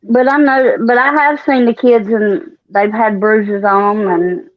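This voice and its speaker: A woman's voice: mid-range voice, fairly even intonation, a little slow, phone-quality sound. A woman with an Appalachian accent giving blunt, folksy answers in a casual panel interview. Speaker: guest witness.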